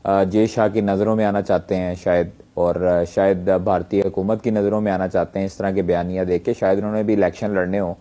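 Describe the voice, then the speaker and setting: A man giving a deliberate statement with some hesitation. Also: low-pitched, flat delivery, warm tone. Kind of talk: measured statement.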